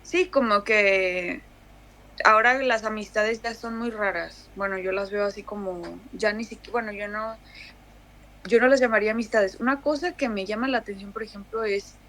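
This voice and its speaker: Brief: young woman, Mexican accent, relaxed chatty guest, restarts often. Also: mid-range voice, moderate pace. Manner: chatty, many fillers and restarts. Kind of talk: casual conversation.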